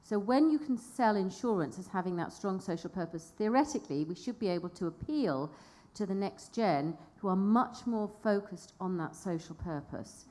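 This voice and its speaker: Woman panelist, insurance professional, earnest, halting restarts, mid pitch. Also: lively intonation, a little mellow. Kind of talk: conference panel talk.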